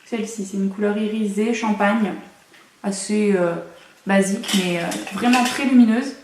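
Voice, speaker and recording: A woman's voice: mid-range voice, moderate pace, far from the mic, noisy background. Young woman doing a casual makeup tutorial, chatty, sounds a bit off-mic in an echoey room. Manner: chatty, self-mocking asides. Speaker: beauty vlogger. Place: room at home.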